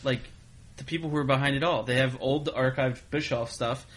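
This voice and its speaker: Blunt, foul-mouthed man at middle pitch. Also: fairly even intonation, a little fast, fairly bright tone, husky. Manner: blunt, opinionated, swears freely. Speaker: podcast co-host. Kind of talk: casual chat.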